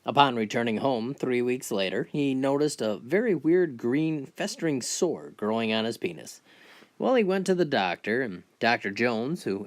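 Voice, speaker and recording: A man telling dirty jokes as stories in a casual, steady way, often starting lines with "well". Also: medium pitch, no echo. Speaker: joke teller. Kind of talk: spoken joke storytelling.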